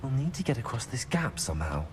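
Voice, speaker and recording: A man acts a young student wizard from a video game, brave and protective. His mid-pitched voice is earnest and assured, buried in very loud game noise. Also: sing-song, fast, natural voice. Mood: steady, reassuring. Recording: game audio under heavy noise.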